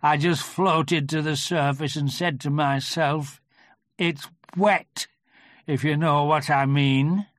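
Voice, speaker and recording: A reader voicing a gloomy old male toy donkey in a children's storybook, gruff, ponderous and morose. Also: mid-range voice, fairly even intonation, slow pace, dry recording, studio quality, close to an everyday voice. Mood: gloomy, sarcastic. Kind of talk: children's storybook character reading.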